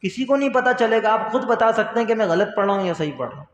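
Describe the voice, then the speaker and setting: A man's voice: sits high, lively intonation, highs cut off. A man teaching a religious lesson who poses questions and answers them himself, repeats key points, and calls his listeners brother. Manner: earnest, addresses listeners as brother. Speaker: Islamic teacher. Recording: echoey hall with long reverb.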